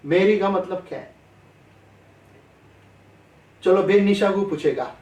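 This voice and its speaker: A man's voice: high voice, slow, a little mellow, reverberant, distant mic, rough recording. A man preaching a sermon in a chatty way, often asking his listeners questions. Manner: conversational, asks the audience questions. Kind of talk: sermon over online call.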